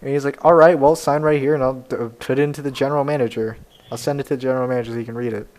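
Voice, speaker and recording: A young man co-hosting a casual podcast chat, telling an animated story in which he plays out both sides of a conversation, laughing often and restarting his words. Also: medium pitch, very fast. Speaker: podcast co-host.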